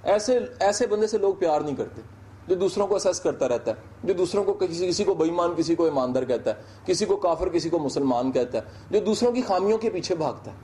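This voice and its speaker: Animated man giving a motivational talk. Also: high-pitched, slight background noise. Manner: animated, conversational, acts out little dialogues. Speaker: motivational speaker. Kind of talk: motivational lecture.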